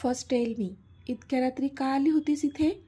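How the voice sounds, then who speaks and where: A woman voicing a protective young man in a love story, talking softly but turning stern when he gets angry. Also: high-pitched, fairly even intonation, a little slow. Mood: worried. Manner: soft and pleading, then stern. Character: young man, lover, protective and quick to anger.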